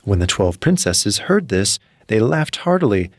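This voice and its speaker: A man narrating a classic fairy tale from a script in a measured storyteller's manner. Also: lowish voice, very animated, dry recording, studio quality.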